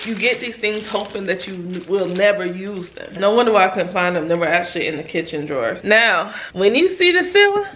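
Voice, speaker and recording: A woman's voice: mid-range voice, expressive, a little fast, hardly any pauses, fairly bright tone. An American woman in her thirties chatting casually as a mom vlogging at home on a camera microphone. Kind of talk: casual home vlog chat. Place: indoors at home, rooms and kitchen. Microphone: handheld or nearby camera microphone.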